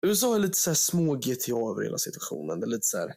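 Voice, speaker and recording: A man's voice: mid-range voice, creaky. En ung man från Sverige som programledare i en podcast, pratar livligt och skämtsamt med svordomar. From Sweden. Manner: animated, joking, swearing storyteller. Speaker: podcast host. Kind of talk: casual chat.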